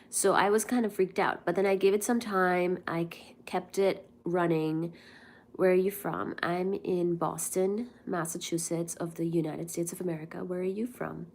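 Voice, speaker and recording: A young woman from India, hosting a casual livestream and chatting with viewers while answering their messages. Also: fairly low pitch. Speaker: livestream host.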